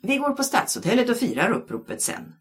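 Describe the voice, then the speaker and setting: A cheerful, easygoing father in a children's audiobook, as a woman reader puts him on. He chats in a light, joking way and mutters asides. His voice bounces in a lively melody. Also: a little high, pitched above the performer's own voice. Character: cheerful father, a working man.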